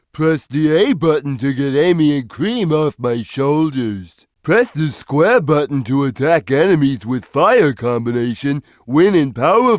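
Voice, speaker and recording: A man voicing a big, gentle, slow-witted cartoon cat in a video game, with a simple, drawn-out, childlike, friendly delivery. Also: fairly high pitch, no room sound, studio quality.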